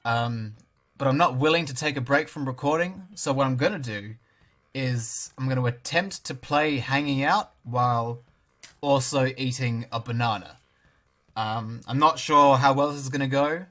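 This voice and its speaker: A young Australian gaming YouTuber offers laid-back let's-play commentary with dry humour aimed at himself. At times he's talking around a mouthful of banana, in a medium-pitched, sharp-toned voice at normal speed.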